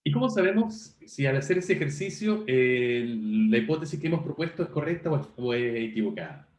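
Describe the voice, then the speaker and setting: Animated teacher on a roomy call. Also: male voice, mid-range voice, fairly quick. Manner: questioning, checks understanding often. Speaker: university teacher. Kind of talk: online class review. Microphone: video call. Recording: roomy, dull lo-fi call audio.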